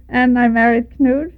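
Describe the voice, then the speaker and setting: This older woman from Denmark speaks with a fairly high pitch and a Danish accent, spelling out names one letter at a time as she recalls her past for an oral history interview. The recording has a thin, phone-like lo-fi tape quality.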